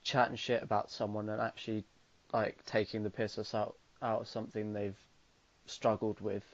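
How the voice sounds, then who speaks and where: Brief: young Irish man, podcast co-host, deadpan jokes, lots of ums, dull dry recording. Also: on the low side, moderate pace, no room sound. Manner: dry, joking, hesitant with fillers. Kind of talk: casual chat.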